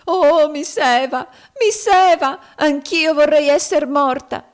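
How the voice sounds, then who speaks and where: A woman's voice: fairly high pitch, unhurried, dark tone, voice pushed up, lightly acted. A woman voicing a wailing, sobbing young girl. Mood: sobbing despair. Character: grief-stricken young girl, wild and sobbing.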